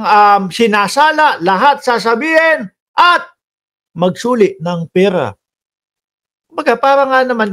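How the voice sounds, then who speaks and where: Man, from the Philippines, high-pitched, animated casual commentary, code-switching. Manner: chatty, animated, mixes Tagalog and English, frequent laughs. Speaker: political commentary vlogger. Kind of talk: casual commentary over played clips.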